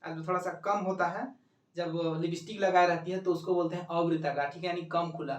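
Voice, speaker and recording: A man's voice: sits high, steady tone, fairly quick. Man, teacher, exam-prep lesson, repetitive step-by-step explaining, echoey room. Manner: explains step by step, asks and answers his own questions, repeats "ठीक है". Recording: echoey room, mic at a distance.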